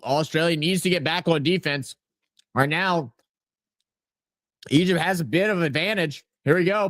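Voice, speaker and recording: A man hosting a live watch-along of a soccer match, giving casual play-by-play and reading out chat messages in a relaxed, rambling way. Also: fairly high pitch, no echo, clean studio sound.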